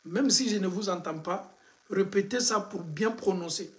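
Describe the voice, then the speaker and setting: A man, an imam teaching the call to prayer and drilling its pronunciation through slow repetition. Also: high voice, a bit bright. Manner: switches between French and Bambara, drills pronunciation by slow repetition. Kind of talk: religious lesson.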